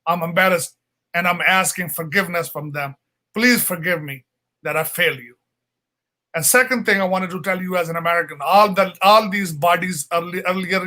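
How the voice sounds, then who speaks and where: A man's voice: sits high, sharp tone. A man from Pakistan with a Pakistani accent, giving an earnest, repetitive and impassioned speech on a panel. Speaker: panel speaker, political adviser.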